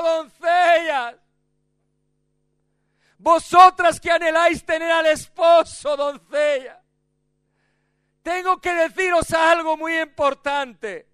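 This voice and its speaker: A man voicing a desperate young bride who shouts and pleads a warning to other maidens. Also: high voice, no echo, studio quality.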